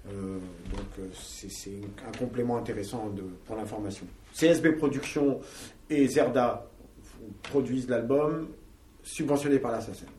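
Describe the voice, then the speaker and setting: A talkative man from Algeria, a band member answering interview questions and pausing on fillers as he searches for words. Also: mid-range voice, mellow, a little hiss or hum. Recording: roomy, from a distance.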